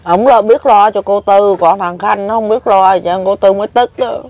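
A woman's voice: medium pitch, fairly even intonation, moderate pace, a little mellow. An elderly woman in her seventies with a Southern Vietnamese Mekong Delta accent. She is the interviewee and rambles through her memories. Her speech is plain, emotional and full of repetition. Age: 70s. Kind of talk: casual rambling recollection.

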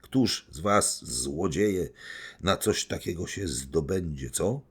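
A man reading an audiobook, voicing a rowdy, boastful young merchant who shouts at the crowd. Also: deep voice, expressive, slow, husky, full character voice.

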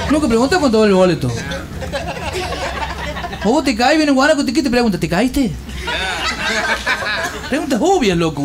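A man from Córdoba, Argentina, with a Cordoban accent, telling rapid-fire stand-up jokes and doing the characters' voices. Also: extremely high pitch. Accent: Cordoban Argentine Spanish. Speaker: stand-up comedian.

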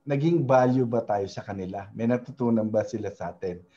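A man's voice: lowish voice, fairly quick, dark tone, highs cut off. A man hosting a casual web design tutorial, talking hesitantly with many fillers and tag questions. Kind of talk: casual screen-share tutorial in mixed Tagalog and English.

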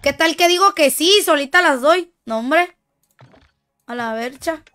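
Woman, Mexican accent, high voice, game streamer, playful teasing banter. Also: a little slow, sharp tone, soft background music. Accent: Mexican Spanish. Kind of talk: casual gaming stream chat.

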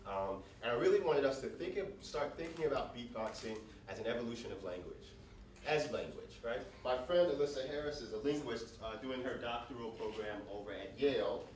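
A man's voice: medium pitch, lively intonation, fairly quick, darkish tone. Man, workshop leader, encouraging, keeps checking in with the group, distant mic, noisy room. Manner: encouraging, talks in short prompts, often checks "right?". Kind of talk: leading a group voice warm-up and workshop. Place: large room with an audience. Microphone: handheld mic, off-mic at times. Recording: echoey room, distant mic, audible noise.

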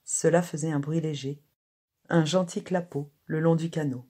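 A woman narrates a classic short story in a measured, expressive reading. Her voice sits low and sounds husky and breathy. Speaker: reader.

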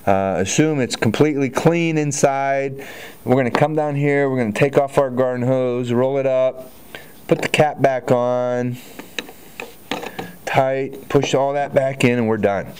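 A man in his forties who owns a hot tub store gives a casual, upbeat how-to demo, chatting as he walks around and gestures. His voice is medium-pitched, unhurried and a bit dark in tone. The sound is roomy, caught by a camera mic on a tripod at a distance in a large indoor spa showroom.

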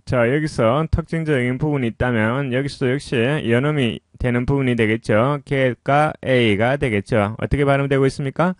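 A man teaching pronunciation in a patient, explanatory way, his voice at a middle pitch. The recording is dry and close, with no room sound around it. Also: dry recording. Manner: patient and explanatory, often pausing with "자".

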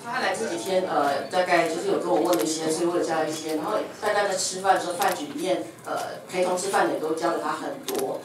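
A woman's voice: lowish voice, normal speed, few pauses, distant mic. A woman hosting a fan event and interpreting for the guest, talking in an upbeat way to the crowd. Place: bookstore event floor. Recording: echoey event hall, mic heard from afar, crowd noise. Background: crowd of fans.

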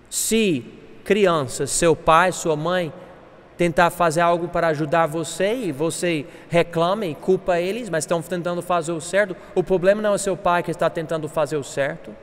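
A man preaching a sermon as pastor, earnest and swelling louder for emphasis. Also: a little high, moderate pace, big-room sound.

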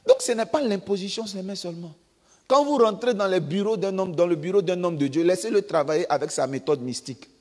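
A male pastor with an Ivorian French accent preaching a sermon, swinging between loud emphatic outbursts and quiet asides. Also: high-pitched, expressive, a little fast. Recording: long reverb of a church hall.

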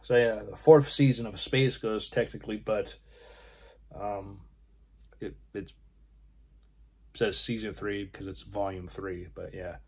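Slow, husky-voiced man rambling about films. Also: fairly low pitch, steady tone, a little mellow. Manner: rambling, halting talk with frequent pauses. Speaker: film channel host. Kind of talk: casual video collection review.

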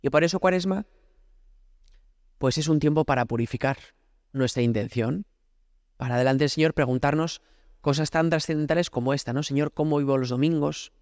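A man's voice: on the high side, normal speed, long pauses, a little mellow, dry recording, studio quality. A man from Spain, a priest, giving a conversational prayer homily, often asking rhetorical questions and speaking directly to God. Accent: Spanish from Spain.

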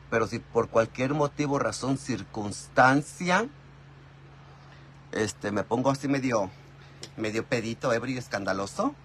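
A man's voice: fairly low pitch, slight background noise. Rambling Mexican man, casual chat. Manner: rambling, repeats himself, calls listener "mi amor" and "güey". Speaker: vlogger.

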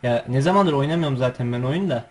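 Husky, excitable man narrating gameplay. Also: medium pitch, quick pace. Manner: chatty and excitable, coaxing with slangy asides. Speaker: gaming channel host. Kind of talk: casual gameplay commentary.

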